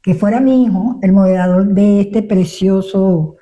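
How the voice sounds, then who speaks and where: A woman's voice: mid-range voice, measured pace, warm tone. An older woman from Venezuela with a Venezuelan accent, a pastor speaking humbly as a guest in a church interview. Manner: humble, affirming amens.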